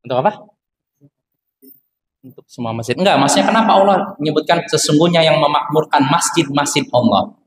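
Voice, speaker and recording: A man's voice: a little high, a bit bright. A male Islamic teacher giving a religious lesson to children in a mosque, constantly quizzing his listeners with questions. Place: mosque prayer hall. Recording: echoey hall with faint ambient noise.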